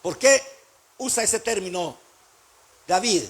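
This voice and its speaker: A male pastor preaching with a very high, husky voice. His pitch swings widely as he presses his points and asks his listeners rhetorical questions. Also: expressive, slow. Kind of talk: sermon.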